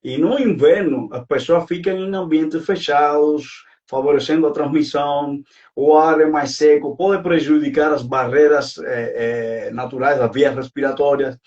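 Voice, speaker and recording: Cuban-accented man, Spanish native, slightly high, hesitant earnest delivery; distant, dull mic. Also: steady tone, measured pace, darkish tone. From Cuba. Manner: earnest, hesitant with frequent fillers. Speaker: guest health expert. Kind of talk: live-stream talk.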